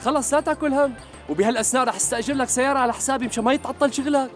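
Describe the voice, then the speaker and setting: A slick, ingratiating Syrian con man who keeps apologising. The voice sits very high and the words rush out at top speed. Music plays under the TV comedy scene. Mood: smooth reassuring. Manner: fast, ingratiating and overly apologetic. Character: smooth-talking male con man posing as a returnee from abroad. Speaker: actor in a comedy sketch. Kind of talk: Levantine TV comedy acting.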